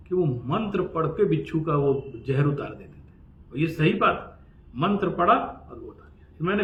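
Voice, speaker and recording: A man giving a lecture on scripture, slowly chanting verses and then explaining them in a lively, conversational way. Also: on the high side. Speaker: professor teaching scripture. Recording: echoey, dull-sounding room recording.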